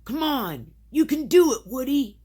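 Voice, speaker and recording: A woman voicing a brave male space ranger toy in a storybook read-aloud, with a husky tone. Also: sits low, big pitch swings, takes it slowly, exaggerated voice. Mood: urgent.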